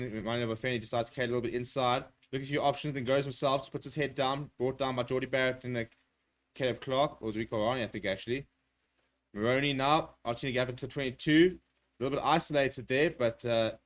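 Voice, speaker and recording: Fast-talking male rugby commentator. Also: medium pitch. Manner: rapid, excitable play-by-play with filler words. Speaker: watchalong commentator. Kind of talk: live rugby commentary with chat replies.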